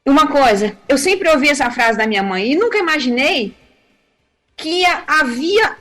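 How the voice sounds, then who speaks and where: High-pitched lady missionary chatting on tv about raising kids, acts out the quotes. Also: normal speed. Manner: animated storytelling, acting out quotes, laughing. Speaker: missionary giving family advice on TV.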